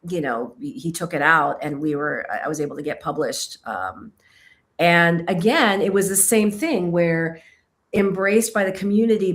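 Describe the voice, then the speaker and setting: A woman from Kentucky talks through her work as a filmmaker and author in a casual interview. Her voice sits a little low, and she is reflective and self-deprecating, pausing and hunting for the right phrase. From Kentucky, United States. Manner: thoughtful, self-deprecating, searching for words.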